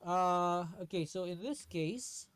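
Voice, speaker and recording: A man's voice: high voice, takes it slowly, a bit bright, clear, resonant tone, no echo. A man tutoring a student in a live online lesson, patient, often checking that she follows.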